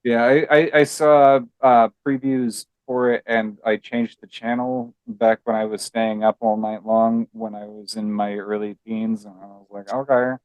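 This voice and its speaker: A man's voice: lowish voice, little pitch movement, a little slow, hardly any pauses, smooth, dry recording, highs cut off. A man co-hosting a podcast in casual, jokey chat. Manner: jokey, breaks into loud sung bits. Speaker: podcast co-host.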